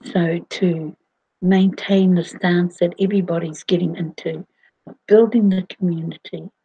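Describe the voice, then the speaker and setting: A woman, talking slowly to her viewers in a rambling way, with many fillers and restarts. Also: fairly low pitch, fairly even intonation, dark tone, muffled recording. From New Zealand. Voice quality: husky. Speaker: vlogger. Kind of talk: casual monologue to camera.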